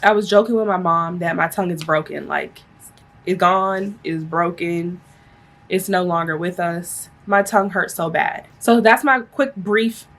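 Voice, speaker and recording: A woman of around thirty telling a personal story casually to her viewers in a chatty, conversational way. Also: medium pitch. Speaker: vlogger.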